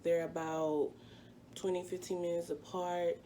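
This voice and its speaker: A woman's voice: fairly low pitch, level tone, measured pace, warm tone, a little hiss or hum. A woman in her twenties, a vlogger chatting through a personal story with plenty of fillers. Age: 20s. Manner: chatty, rambling, full of fillers. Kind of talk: casual storytime.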